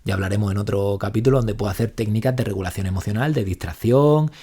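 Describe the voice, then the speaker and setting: A young man with a Spain Spanish accent, a psychologist co-hosting a casual podcast, talking quickly and acting out example lines. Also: lowish voice, husky. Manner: fast, animated, acts out example lines. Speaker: psychologist co-host.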